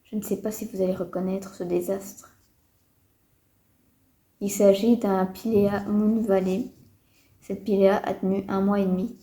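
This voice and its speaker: Mellow-voiced woman chatting about houseplants. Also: mid-range voice, flat delivery, unhurried, long pauses. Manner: chatty, hesitant with many fillers, mildly disappointed. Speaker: houseplant vlogger. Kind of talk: casual chat to camera. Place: indoors at home. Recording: roomy echo.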